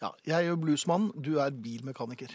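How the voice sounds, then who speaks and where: A man co-hosting a comedic radio show in a studio, teasing his partner with quick questions. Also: medium pitch, breathy edge, dry recording. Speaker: radio host. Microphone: studio microphone.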